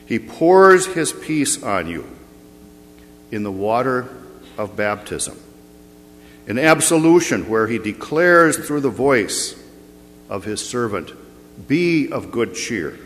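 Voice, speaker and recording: A pastor preaching a sermon in slow, measured phrases, his voice ringing with a long cathedral-like echo in a large church. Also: on the low side, a bit bright. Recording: reverberant church hall, faint hum.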